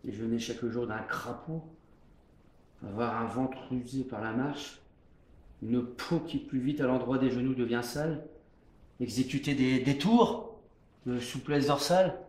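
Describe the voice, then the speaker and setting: A man playing a proud, defiant poet-swordsman, declaiming a classical French stage verse monologue in a hammy stage-actor manner that moves between hushed and booming. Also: unhurried, close to an everyday voice. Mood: scornful, mocking. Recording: roomy echo, faint background noise.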